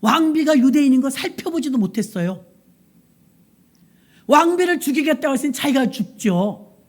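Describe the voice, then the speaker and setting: A woman pastor retells a scripture story from the pulpit with a high voice. She is animated and playful, dramatizes the scenes and keeps asking her congregation questions. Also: moderate pace. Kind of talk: sermon storytelling.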